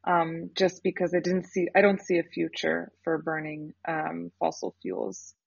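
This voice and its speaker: Young woman, earnest startup founder type, husky timbre, dry dull studio recording. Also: on the low side, no echo. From Canada. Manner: earnest, lively, with filler pauses. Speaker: startup founder, podcast guest. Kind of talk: casual interview talk.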